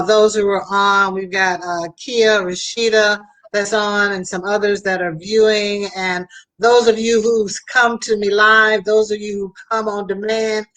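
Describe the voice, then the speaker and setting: A woman's voice: medium pitch, a bit bright, poor audio. Woman host chatting life advice, emphatic, talks right to the audience. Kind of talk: conversational motivational talk show.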